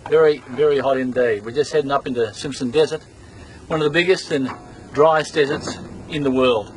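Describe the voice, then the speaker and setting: A man's voice: mid-range voice, fairly quick, close to an everyday voice. An actor with an Australian accent playing a blokey, self-important outback bushman who earnestly presents an adventure show. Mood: self-assured. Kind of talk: scripted documentary parody narration and presenting. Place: outdoors in the bush, and voice-over. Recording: music under voice, faint outdoor noise.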